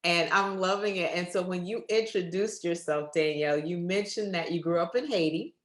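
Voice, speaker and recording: A woman with a fairly low voice hosts an upbeat faith-based interview show at a normal speed. She talks effusively and directly to her audience, and the sound is roomy and echoey.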